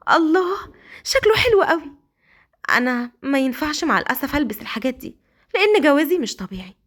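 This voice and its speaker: A woman with an Egyptian accent voicing a shy, easily flustered young bride who talks excitably, close to tears, in a storybook romance. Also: quick pace. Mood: delighted. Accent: Egyptian Arabic. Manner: high-pitched, excitable, near tears.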